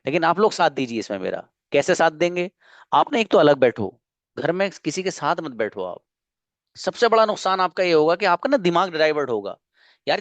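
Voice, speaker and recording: A man's voice: on the high side, no echo, dull audio. Earnest male online teacher, coaxing and repetitive, close and dry. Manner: coaxing, earnest, repeats himself. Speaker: English teacher. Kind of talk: online spoken English class.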